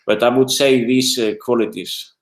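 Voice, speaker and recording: Icelandic man, halting, in an echoey room. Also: medium pitch, steady tone. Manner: halting, searching for words, many restarts. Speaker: interview guest, whistleblower. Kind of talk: casual interview talk. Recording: roomy echo.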